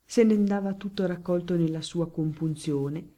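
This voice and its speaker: Audiobook reader: woman, low and mellow, measured and even. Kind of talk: scripted narration.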